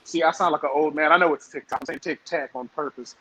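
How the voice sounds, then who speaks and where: A man's voice: a little high, steady tone, fast talker, a crowd in the background, low-quality recording. A man in his thirties from the southern United States, chatting loosely as a podcast guest with lots of fillers. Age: 30s. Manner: rambling, lots of fillers, laughs often. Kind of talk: casual podcast chat.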